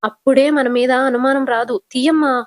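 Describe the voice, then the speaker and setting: Woman voicing a whiny wheedling son, higher voice, dragged out slow. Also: steady tone, dry recording, studio quality, close to an everyday voice. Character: whiny grown son, cowardly schemer.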